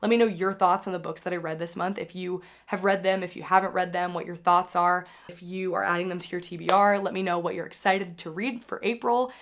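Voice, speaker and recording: A young woman with a hoarse voice, still recovering from being sick, hosting a casual book wrap-up and chatting loosely with lots of filler words. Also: lowish voice, steady tone, a little fast, few pauses, fairly bright tone. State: hoarse, recovering from losing her voice. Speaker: book channel host. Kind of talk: casual reading wrap-up chat.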